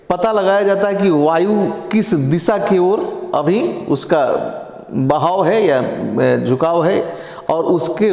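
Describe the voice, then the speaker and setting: A man teaching a lecture on English words, explaining slowly and often asking whether the class has understood. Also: high voice, a little mellow. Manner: explains slowly, drawing out example sentences; checks understanding with repeated questions. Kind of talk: online lecture. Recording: echoey room with long reverb.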